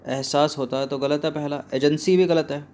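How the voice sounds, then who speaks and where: A man's voice: on the high side, fairly even intonation, normal speed, a little mellow. A man teaching spelling for an exam practice set, who puts a question to his students and then answers it himself. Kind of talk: spelling lesson walking through a practice test.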